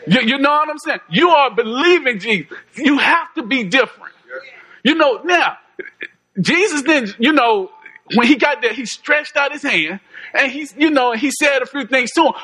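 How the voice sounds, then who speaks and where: High, bright-voiced preacher man. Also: breathy edge, poor audio. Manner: conversational, folksy, repeats phrases, chuckles. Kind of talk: informal sermon.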